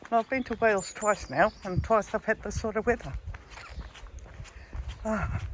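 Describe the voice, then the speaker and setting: Speaking in a mid-range voice, a New Zealand travel vlogger walks and chats with her handheld camera, a little out of breath. It's an easygoing, admiring walking vlog on a hilly rural road, with ambient noise around her.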